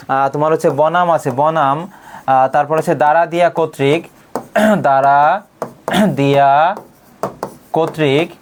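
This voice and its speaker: A Bangla grammar mentor with a high but darkish male voice coaches an online exam-prep class. He drills students by posing questions and answering them himself, and he clears his throat often.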